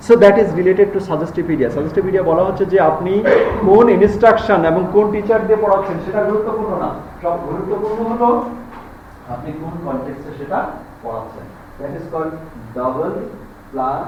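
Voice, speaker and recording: Guy lecturing a class, slow deliberate talk, slightly high voice, roomy echo and dull lo-fi sound. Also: slight background noise. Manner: switches between Bengali and English mid-sentence; explanatory, repeats key terms. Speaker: university lecturer.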